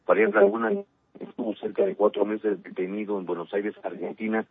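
A man's voice: lowish voice, fairly quick, creaky, slightly rough. A male field reporter giving a formal news report over a phone line that glitches and breaks up. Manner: formal, steady report delivery. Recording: tinny, cutting-out phone line.

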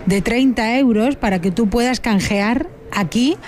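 A woman hosting live radio from inside a large store, chatty and lively, laughing often. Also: fairly high pitch, unhurried, a little hiss or hum. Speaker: radio host. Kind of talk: live radio chat on location.

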